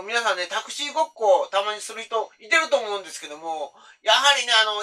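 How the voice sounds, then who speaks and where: Male host, storyteller; high and sharp-toned, animated, slightly off-mic. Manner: animated, acts out both sides of a dialogue. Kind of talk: casual spoken ghost story.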